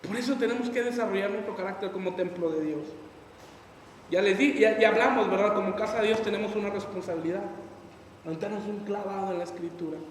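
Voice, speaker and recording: A man's voice: sits high, fairly even intonation, fast talker. A man preaching a sermon as a pastor, acting out people's excuses in quoted voices. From Mexico. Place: church hall. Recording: echoey hall from far off, faint noise.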